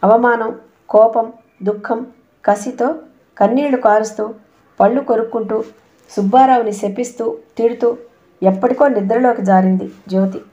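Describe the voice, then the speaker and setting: A woman narrating a novel as an audiobook reader, with steady, even storytelling. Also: fairly high pitch, normal speed, long pauses, lo-fi sound.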